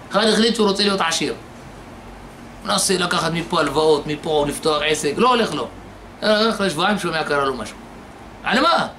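A man's voice: high voice, bright, forceful tone, a little hiss or hum. A man, a rabbi, giving a sermon and telling a story, acting out the quoted dialogue and putting rhetorical questions to his listeners. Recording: echoey room.

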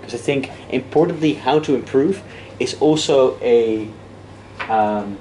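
His medium-pitched voice has a darkish tone and an unhurried pace. The speaker, a man in his thirties whose first language is Dutch, gives a casual, self-deprecating interactive debate workshop indoors, restarting and using fillers while he walks and gestures beside a projector screen. It's captured from afar by a camera, so the classroom sounds echoey and noisy.

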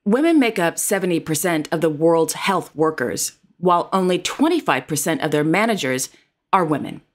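A woman's voice: low-pitched, lively intonation, normal speed. A woman presenting royal news in a formal, carefully read narration. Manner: formal, reads titles and quotes carefully.

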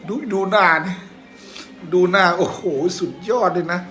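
A man's voice: high voice, fairly even intonation, a little slow, bright, forceful tone, soft background music. An older man with an Isan accent, a grandfather chatting casually and playfully while filming his grandchildren on a phone in a hospital room. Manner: doting and playful, coaxing the children. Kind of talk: casual home-video chat. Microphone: phone held while filming.

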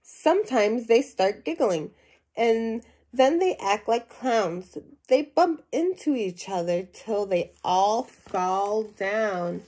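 A young adult woman reads a children's picture book aloud in a small room at home, asking simple questions and making asides for young listeners. Her medium-pitched voice is animated and slow, with a dark tone.

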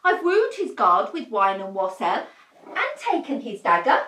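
Actress as a high, lively, scolding Lady Macbeth in a roomy space, sarcastic and bossy. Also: unhurried, exaggerated voice. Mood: scheming. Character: scheming bossy Lady Macbeth, sharp-tongued wife. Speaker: actor in a comedy film. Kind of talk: comic stage acting.

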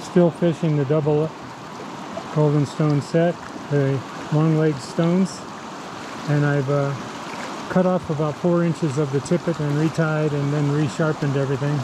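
A man with a slightly high voice talks through his fly fishing in an easy, explanatory way, now and then talking to himself. He is recorded on a head-mounted camera out on a river bank. Loud rushing water runs under every word. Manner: calm, explanatory, talking to himself between casts. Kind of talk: casual narration while fishing. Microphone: head-mounted action camera. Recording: outdoor camera audio with loud river noise. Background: rushing stream water.

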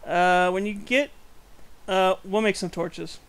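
A man's voice: high voice, steady tone, takes it slowly, fairly bright tone, clear, resonant tone. A young man hosting a casual gameplay video, chatty and joking, often laughing as he plays. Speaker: channel host. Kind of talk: gameplay commentary.

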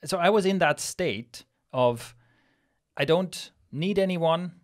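A man's voice: fairly high pitch, animated, slow pace. Reflective man on a studio podcast. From Switzerland. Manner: reflective, thinking aloud with many restarts. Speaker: podcast co-host. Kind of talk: casual podcast conversation. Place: small studio room with plant wall. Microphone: studio mic on boom arm, headphones.

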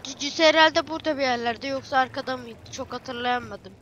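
A woman giving excitable, chatty let's play commentary, talking to herself and her viewers as she plays. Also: high voice, a little fast, muffled recording, slight background noise. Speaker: gameplay streamer.

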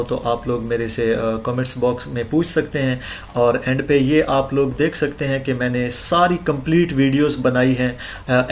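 A man's voice: mid-range voice, slight background noise. A man narrating a screen-recorded seller tutorial, explaining step by step with many fillers and check-ins. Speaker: online seller tutorial host. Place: indoors at computer, voice-over on screen recording.

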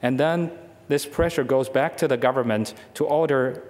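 Male speaker, halting conference Q&A answer, podium mic, long hall reverb. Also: medium pitch, darkish tone. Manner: halting, many restarts and fillers. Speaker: keynote speaker answering questions. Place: large lecture hall. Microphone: podium microphone, far camera.

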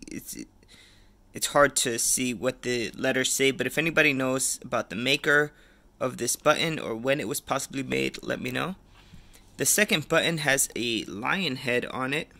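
A man's voice: mid-range voice, vocal fry, pushed and bright. A man giving a plain, methodical wrap-up of his finds, describing each one. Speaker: metal detecting vlogger. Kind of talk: show-and-tell wrap-up.

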